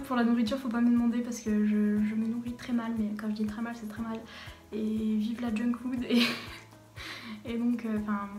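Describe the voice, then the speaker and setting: Young woman, book vlog, chatty and self-mocking, bit high voice, echoey room w faint music. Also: mellow. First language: French. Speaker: book vlogger. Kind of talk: casual book tag vlog.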